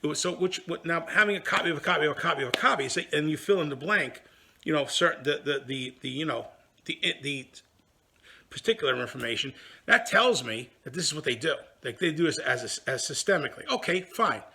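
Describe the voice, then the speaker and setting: Lively New man with a raspy, gravelly edge, telling a story with outrage and plenty of stumbles. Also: on the high side, brisk. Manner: animated and indignant, with many restarts. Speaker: head of a law practice. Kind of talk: casual storytelling monologue.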